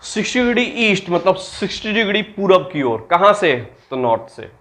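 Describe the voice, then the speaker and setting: Man teaching maths, fairly high voice. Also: sing-song, normal speed, a bit bright. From Bihar, India. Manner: asks students questions and answers them himself; mixes English terms into Hindi. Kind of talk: classroom lecture.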